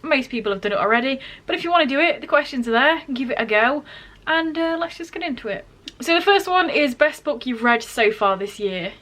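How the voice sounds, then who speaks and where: A book vlogger hosts a casual, chatty video, talking informally to her viewers while correcting herself and drifting into asides. Her voice sits high, expressive and a bit bright, and she speaks fairly quickly.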